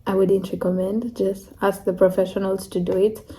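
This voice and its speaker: Young woman vlogging, mellow voice, candid and chatty, lots of "like". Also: medium pitch, flat delivery, normal speed, rough recording. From Kenya. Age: young adult. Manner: candid, chatty, fills with "like" and "you know". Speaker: international student vlogger. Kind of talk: casual vlog chat.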